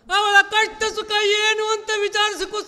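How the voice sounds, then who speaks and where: A heartbroken old father, played by a man laments slowly and sorrowfully in a village stage drama. His voice is very high and sharp, and it rings out in a reverberant hall. Soft music plays behind. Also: monotone, full character voice. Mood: grieving. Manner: slow, sorrowful lamenting with drawn-out repetitions.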